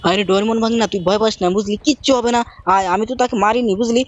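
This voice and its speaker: A woman hosting a gaming channel, narrating her play with rapid, bossy banter in an uncle role. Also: on the high side, steady tone, dry recording. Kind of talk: game role-play commentary.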